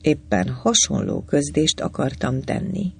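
A narrator voicing a slow, indifferent aristocratic count in an audiobook. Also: male voice, a little high, lively intonation, gravelly, breathy edge, full character voice. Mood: languid. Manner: slow and languid.

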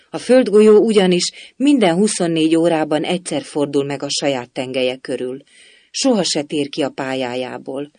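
Man playing a shy polite little girl, pitched up, talks eager and careful, dry close mic. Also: a little mellow, no echo. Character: polite, timid young girl.

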